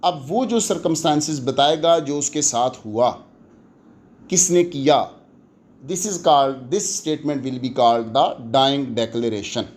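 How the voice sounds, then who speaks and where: A Pakistani-accented law lecturer gives an explanatory exam-prep lecture in a medium-pitched voice at a slow pace. Teaching didactically, he mixes Urdu and English and poses questions that he then answers himself.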